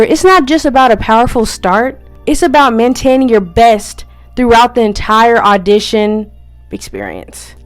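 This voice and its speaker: Young woman, vlogger, slightly high voice, upbeat, encouraging, chatty, faint background music. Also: no echo. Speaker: vlogger, first-year scare actor. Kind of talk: friendly tips vlog, partly scripted.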